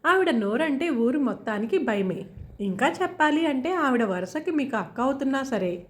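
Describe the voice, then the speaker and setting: A woman's voice: high-pitched, lively intonation, moderate pace. A woman voicing a fearful middle-aged village mother who warns her husband worriedly. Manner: worried, cautioning.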